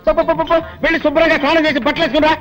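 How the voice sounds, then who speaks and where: Bossy office boss, high voice, fast talk, film music under. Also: male voice, level tone, dull audio. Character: forgetful blustering middle-aged male office boss. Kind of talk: comic film dialogue.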